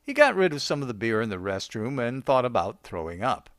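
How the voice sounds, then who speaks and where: A man reading a short story aloud with a wry, deadpan delivery. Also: medium pitch, brisk, dry recording, studio quality. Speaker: narrator.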